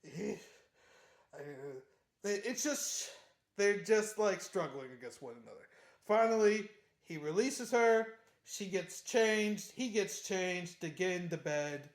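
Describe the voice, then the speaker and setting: Casual chapter recap, slow unhurried delivery, roomy echo, slangy, animated, laughs often. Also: mid-range voice. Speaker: book reviewer.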